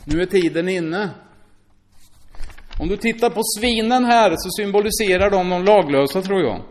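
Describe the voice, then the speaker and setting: A man preaching a sermon, reading scripture aloud and commenting on it in a chatty way, often asking his listeners "va?". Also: high voice. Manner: lively, swings from loud exclamations to hushed asides.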